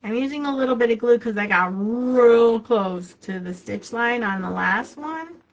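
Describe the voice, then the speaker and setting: A woman hosting a live sewing demonstration for a quilting shop chats casually to herself and viewers as she works, speaking in a little high, unhurried voice. She is an adult with a child, and the recording has its highs cut off.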